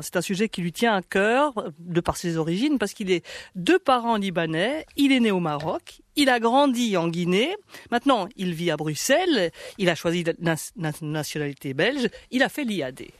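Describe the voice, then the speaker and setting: A man's voice: high-pitched, expressive, moderate pace, dry recording, clean studio sound. A man, working as a radio culture journalist who prompts his guest with pointed questions. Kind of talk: radio interview.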